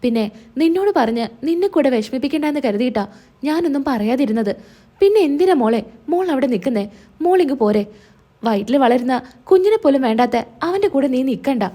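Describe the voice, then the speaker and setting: A woman reading the lines of a worried, gentle father in a retold family serial. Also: sits high, expressive, a little fast. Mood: pleading.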